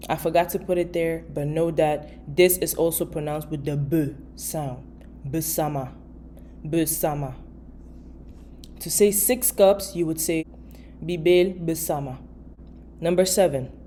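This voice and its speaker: A woman giving a patient, casual video language lesson, repeating each word slowly and explaining step by step. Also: low-pitched, mellow, slight background noise. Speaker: language teacher.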